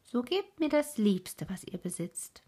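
A woman's voice: fairly high pitch, very animated, unhurried, warm tone, husky, heavily acted. A woman voicing an earnest young prince in a whispered role-play of a bedtime fairy tale.

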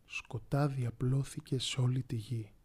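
A man narrating a Bible story in a slow, dramatic way, with pauses and the odd whisper. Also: mid-range voice, steady tone, darkish tone, husky.

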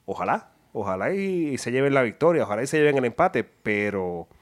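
A man, measured and a bit hesitant, analyzing football with co-hosts. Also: medium pitch, very animated. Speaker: podcast co-host. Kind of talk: casual sports talk.

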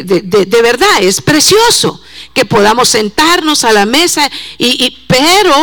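Female preacher, fervent sermon delivery, rhetorical questions to the flock, somewhat high voice. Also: fairly bright tone. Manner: speeds up and slows down, repeats words.

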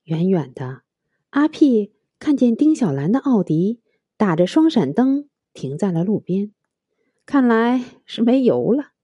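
A woman narrating a storybook tale in an expressive, unhurried reading. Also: medium pitch, husky, no room sound, muffled recording.

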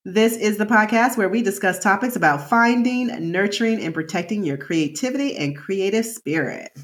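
A woman's voice: medium pitch, normal speed. A woman co-hosting a podcast in casual chat, laughing often and teasing her co-host. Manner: laughs a lot, animated and teasing.

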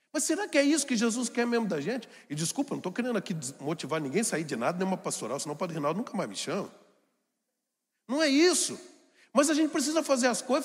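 Animated priest in a reverberant church. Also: male voice, high voice. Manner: animated, acts out family scenes in put-on voices. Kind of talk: homily.

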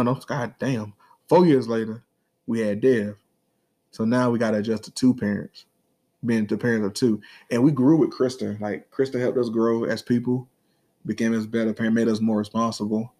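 A man's voice: fairly low pitch, warm tone. A man, co-hosting a podcast in loose, profane, joking casual chat and slurring his words. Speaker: podcast co-host, comedian.

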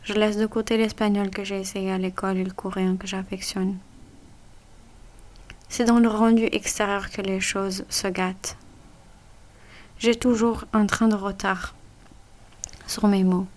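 A woman from Pakistan whose first language is Punjabi, reading a personal essay aloud in measured, deliberate phrases, with a Pakistani accent. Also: mid-range voice, flat delivery, darkish tone.

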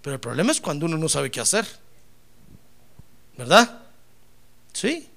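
A man preaching a lively sermon as pastor, acting out little dialogues and swinging from loud to soft. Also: fairly high pitch, moderate pace, gravelly.

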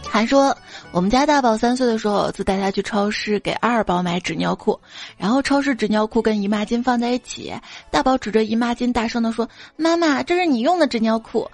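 A woman's voice: on the high side, brisk, gravelly, faint music behind. A woman radio show host reading out listener jokes, playful and acting out the quoted voices.

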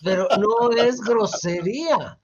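A Mexican man, a guest expert, explaining with lively, teacherly, playful talk and rhetorical questions. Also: high-pitched, slow pace, highs cut off, a little hiss or hum.

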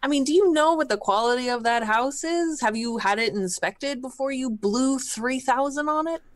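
A woman's voice: sits high, moderate pace, dry recording. A woman player bantering casually in a tabletop game, blunt, slangy and argumentative.

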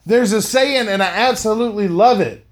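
A man's voice: high-pitched, moderate pace. A middle-aged man hosting a podcast, giving a motivational monologue, repeating lines for emphasis and often calling the listener "man". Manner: slangy, says "man" often. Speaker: podcast host and motivational speaker.

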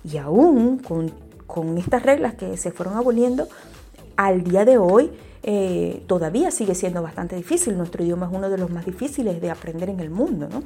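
A woman explains spelling rules to her audience in a soft, mellow voice. She talks to them directly, often stopping on fillers and restarting her phrases. Faint music plays behind her. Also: fairly low pitch, animated, moderate pace, slightly rough. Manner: hesitant, many fillers and restarts; addresses listeners directly. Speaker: teacher.

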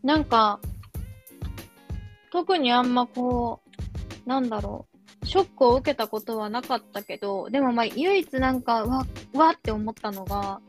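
Rambling young woman, slightly high voice. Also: lively intonation, normal speed, faint music behind. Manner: rambling, lots of fillers and hesitation. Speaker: podcast co-host. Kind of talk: casual chat.

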